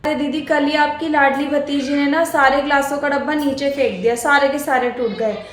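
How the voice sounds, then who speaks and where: A woman's voice: high voice, fairly even intonation, normal speed, lightly acted. A woman playing a patient, hardworking young daughter-in-law who answers politely and tries to please. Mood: placating. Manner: polite, placating, eager to please. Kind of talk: homemade family skit acting. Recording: echoey room.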